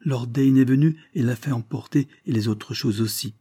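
A man's voice: medium pitch, normal speed, warm tone, husky, no room sound, studio quality, pitched above the performer's own voice, lightly acted. A man voicing a flustered, humble male villager who pleads and defends himself. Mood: defensive.

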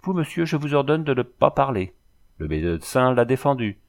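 A man voicing a gentle but bossy young woman nursing a patient, in an audiobook reading. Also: medium pitch, big pitch swings, moderate pace, gravelly, voice pushed up. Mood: coaxing, bossy. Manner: softly commanding, coaxing.

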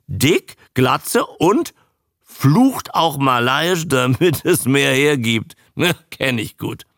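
A man's voice: medium pitch, very animated, slow pace, a bit bright, no room sound, studio quality, voice pushed up, full character voice. A man reading a radio story, voicing a terse, grumbling Swedish sailor. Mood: musing. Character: gruff laconic Swedish sailor, grown man.

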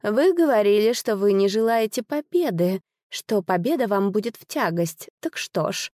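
A woman's voice: mid-range voice, lively intonation, normal speed, darkish tone, dry recording, studio quality, lightly acted. A woman voicing a silky, mocking noblewoman. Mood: coldly angry. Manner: silky, mocking, with hidden anger. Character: lady host, beautiful, sweetly courteous turning venomous.

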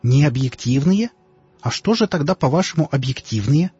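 Guy reading as a stubborn young dude, indignant, arguing, raspy, kinda muffled. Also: medium pitch, animated, brisk, warm tone. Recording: dull lo-fi audiobook, faint music.

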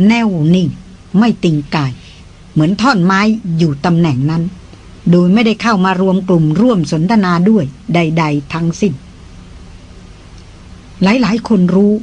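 An audiobook narrator giving a steady, measured scripted reading of a novel. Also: mid-range voice, slightly rough, rough recording.

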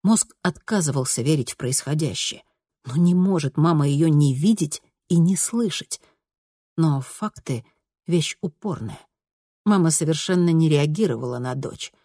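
A woman narrating an audiobook in a steady, expressive storytelling manner. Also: low-pitched, normal speed, breathy edge, dry recording, studio quality. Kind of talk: scripted narration.

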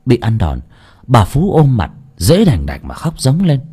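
A man's voice: medium pitch, huge pitch swings, measured pace, dark tone, slightly rough. A man narrating an audiobook story dramatically. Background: faint music.

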